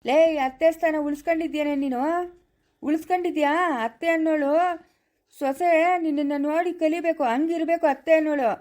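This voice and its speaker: High-voiced woman playing a stern lecturing elder, family drama. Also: fairly even intonation, a little fast, darkish tone, close to an everyday voice. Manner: scolding, lecturing. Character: stern scolding elder woman guarding the house.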